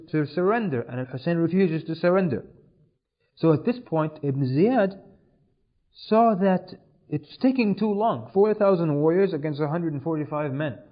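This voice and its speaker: A man's voice: on the high side, moderate pace. A man giving a storytelling history lecture, retelling events dramatically and raising his intensity when he quotes people. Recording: dull lo-fi recording.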